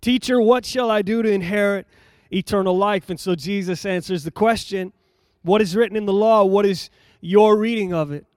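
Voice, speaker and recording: High-voiced man preaching a measured sermon. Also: darkish tone, smooth, dry recording, clean studio sound. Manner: measured, emphatic, repeats phrases for effect. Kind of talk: sermon reading and explaining scripture.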